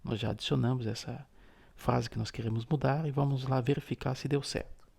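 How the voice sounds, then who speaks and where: A man guides viewers through a phone tutorial, patiently describing every gesture he makes. His mid-pitched voice is deeply gravelly and mellow. He sounds steady and unhurried. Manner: patient, explains each gesture aloud. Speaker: tutorial host. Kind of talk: step-by-step screen-reader tutorial.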